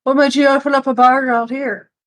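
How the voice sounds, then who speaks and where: A woman's voice: sits high, flat delivery, brisk, close to an everyday voice. A woman playing a cheerful, drunk male adventurer in a tabletop game, calling the barkeep lass in a raised, friendly voice.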